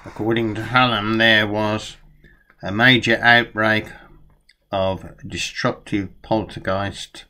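Older man, slow and deep-voiced. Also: flat delivery, pushed and bright. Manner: leisurely, reads aloud with storyteller relish. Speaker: vlogger reviewing a book. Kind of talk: casual talk and reading aloud. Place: small room at home, indoors. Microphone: webcam close up.

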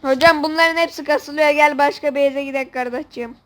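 A woman commentating a video game with a friend, excitable and joking, swearing playfully. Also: high voice, a little fast. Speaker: gamer host. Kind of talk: casual gameplay commentary.

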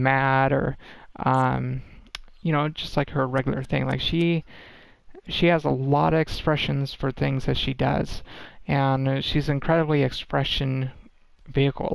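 Man, tired voice, gravelly, dry close sound, rambling casual update. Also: mid-range voice, no room sound. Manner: rambling, full of ums and restarts. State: tired, worn-out voice. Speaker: indie game developer.

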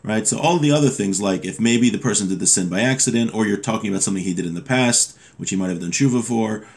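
A man in his thirties, working as a religious teacher, gives a casual lesson at the desk of a small room in his home. His voice is on the low side, darkish, with vocal fry, and he reads text aloud and explains it in a halting way, frequently correcting himself.

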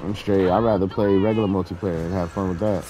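A man's voice: low voice, steady tone, fast talker, a crowd in the background. A man chatting casually with friends while gaming, talking in loose, profane slang over a headset. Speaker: gamer streaming with friends.

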